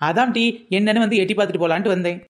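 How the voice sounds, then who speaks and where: A woman's voice: mid-range voice, racing. A woman trading gossipy, defensive banter in a comedy skit. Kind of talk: comic village-gossip skit.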